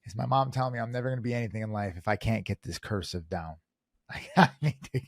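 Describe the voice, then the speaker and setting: A man's voice: fairly low pitch, fast talker, no room sound. Joking male host, dry close sound. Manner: playful, joking, heavy use of "like". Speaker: podcast host. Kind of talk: casual interview chat.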